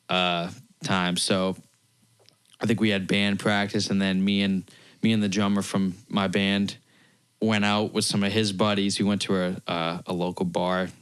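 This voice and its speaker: A man's voice: on the low side, fairly bright tone, clean tone. A young man from Massachusetts, co-hosting a podcast, tells a long rambling story in casual chat, correcting himself as he goes and acting out the other people's lines. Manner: rambling, self-correcting storyteller who acts out quoted voices. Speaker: podcast co-host.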